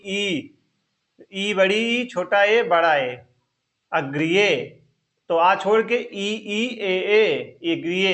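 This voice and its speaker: A man with a high, fairly bright voice teaches an online Hindi grammar lesson as exam preparation for teaching exams. He repeats each term and quizzes the viewer with questions as he goes.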